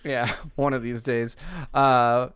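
A man's voice: medium pitch, slow pace, clear, resonant tone, no echo, clean studio sound. A man hosting a casual gaming podcast, reading fan messages aloud and chatting with his co-hosts. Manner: animated, reads fan messages aloud with frequent laughs. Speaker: podcast host reading super chats. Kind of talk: casual chat.

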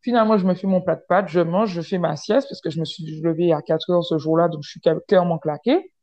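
A woman recounts a story in relaxed chat, animated and quick to act out what others said. Her voice is mellow, and the recording is slightly dull and lo-fi. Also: on the low side. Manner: animated, acts out quoted lines, many fillers. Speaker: podcast storyteller. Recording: dull lo-fi sound.

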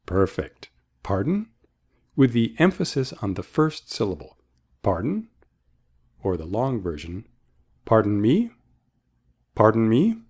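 A man's voice: lowish voice, huge pitch swings, slow, pauses often, darkish tone, husky. A man hosting a bilingual English lesson, patiently modelling phrases and repeating them for practice. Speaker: English teacher and host.

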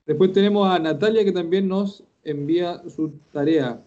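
A man's voice: high-pitched, normal speed, warm tone, lo-fi sound. A man hosting a casual online language class, chatty and encouraging, often repeating himself. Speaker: host and Japanese teacher.

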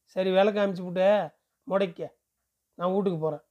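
A man's voice: high-pitched, fairly even intonation, normal speed, warm tone, muffled recording, close to an everyday voice. A man reading aloud, voicing a grown village man who leads a drama troupe and questions, coaxes and teases. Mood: coaxing. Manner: questioning, coaxing, teasing.

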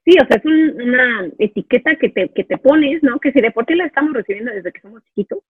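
A woman hosts a conversation, thinking aloud in a reflective way and checking in with short tag questions. Her voice sits fairly high and sounds husky. The sound is tinny like a phone line and dry. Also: lively intonation, quick pace, dry recording. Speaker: podcast host. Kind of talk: casual interview conversation.

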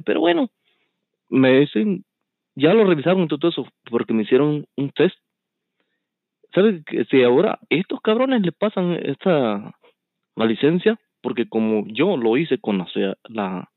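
A man's voice: mid-range voice, no echo. A man rambling through a heated call-in chat, stumbling over words and swearing as he explains himself. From United States. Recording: tinny phone line, dry.

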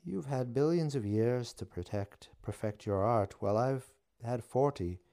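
A man voicing a witch who speaks deadpan and teasing, with a wry edge. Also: medium pitch, unhurried, pitched above the performer's own voice, close to an everyday voice. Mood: resigned. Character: wry, deadpan witch facing death, woman.

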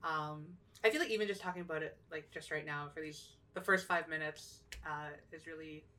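A woman's voice: sits low, fairly even intonation, a little fast, sharp tone, far from the mic. A young woman co-hosting a casual podcast, talking thoughtfully with lots of fillers and restarts. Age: young adult. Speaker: podcast co-host.

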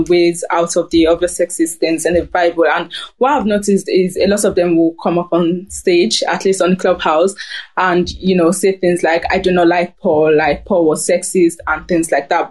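A woman's voice: on the low side, steady tone, normal speed, a little mellow. A young woman who grew up in Germany, speaking hesitantly over a phone in a casual group discussion. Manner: hesitant, many fillers.

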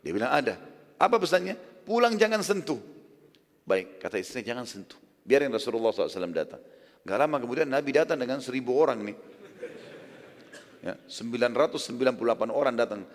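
A man preaching in Indonesian-language sermon style, retelling a story in a lively way and acting out the people in it. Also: fast talker. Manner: animated retelling, acting out lines with rising pitch and volume. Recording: long hall reverb.

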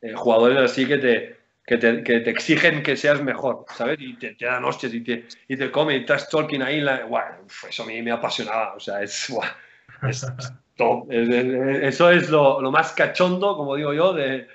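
A man, a basketball player chatting as a guest in an interview, animated, rambling and slangy. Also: medium pitch, normal speed. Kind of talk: casual interview chat. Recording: roomy, dull lo-fi sound.

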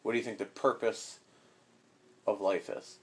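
A man's voice: on the low side, steady tone, normal speed. A man chatting casually with his child as her father, asking playful, probing questions. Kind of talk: casual chat.

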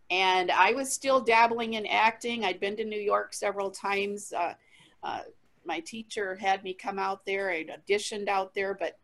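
A woman tells her personal testimony in an interview, speaking candidly and with plenty of life. Her voice sits at an ordinary middle pitch, and she often laughs mid-story and restarts her sentences. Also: fairly bright tone. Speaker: interview guest, traveling minister.

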